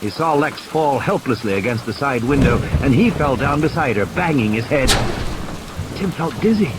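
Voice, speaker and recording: Reading a thriller audiobook as dramatic scripted narration, a man speaks at a moderate pace with a medium pitch and lively intonation. Heavy background noise surrounds him, including clear rain and storm effects and rain, vehicle and ambience sound effects.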